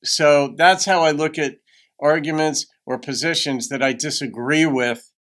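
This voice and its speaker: A man's voice: on the high side, fairly even intonation, a little slow, a bit bright. A man hosting a reaction video with conversational commentary in a thoughtful, musing manner.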